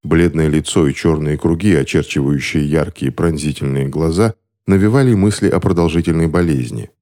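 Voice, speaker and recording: A man narrating a story in an expressive, scripted reading. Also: rumbling low, normal speed.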